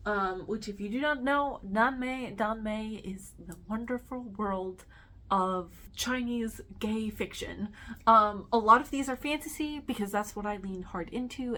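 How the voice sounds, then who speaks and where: Her voice sits in the mid range with a fairly bright tone. She's a teacher and book vlogger gushing in a casual review chat about favorite books, using lots of ums and swearing now and then.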